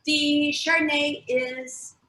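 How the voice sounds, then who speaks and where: A woman co-hosts a wine tasting on a video call, chiming in briskly and casually. Her voice is bright and a little high. The room around her sounds echoey. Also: flat delivery. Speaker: co-host of a wine shop tasting. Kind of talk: casual chat.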